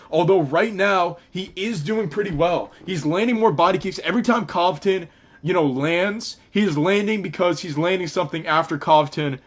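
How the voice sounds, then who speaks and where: Brief: young male fight caller, slightly higher voice, quick and excitable, loose with fillers. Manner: fast, excitable, with restarts and fillers. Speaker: fight commentator. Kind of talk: live play-by-play commentary.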